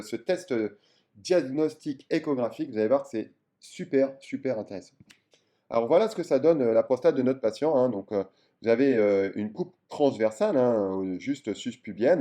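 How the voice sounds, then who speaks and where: A man's voice: medium pitch, dark tone. A man, a general practitioner, gives a casual video lesson on ultrasound in a chatty, enthusiastic way with many fillers. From France.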